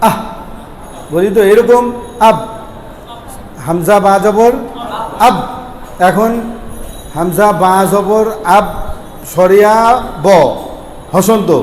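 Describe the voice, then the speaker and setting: A man's voice: sits high, darkish tone. A man teaching Arabic letter pronunciation, repeating sounds and quizzing his class. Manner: repeats sounds slowly, asks the class questions. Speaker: Quran recitation teacher. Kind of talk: explaining Arabic pronunciation lesson. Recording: echoey room with faint ambient noise.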